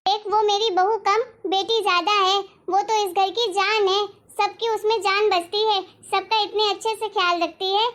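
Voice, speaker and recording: In a family cartoon, a woman voices a doting old mother-in-law who fusses and scolds out of love. The voice is very high and bright, almost girlish, and insistent. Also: fairly even intonation, normal speed, hardly any pauses. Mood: firm defending. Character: loving elderly mother-in-law, doting and firm. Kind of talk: cartoon story voice acting.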